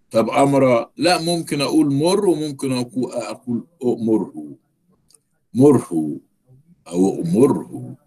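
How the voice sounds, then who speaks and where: Husky Egyptian man teaching grammar. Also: fairly low pitch, a little mellow. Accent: Egyptian Arabic. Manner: explains step by step, repeats words slowly for stress. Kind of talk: recorded grammar lesson.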